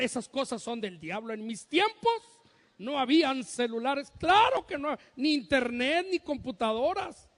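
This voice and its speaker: A man's voice: extremely high pitch, long reverb tail. A man preaching a sermon as pastor, humorous and acting out the voices of parents and sons.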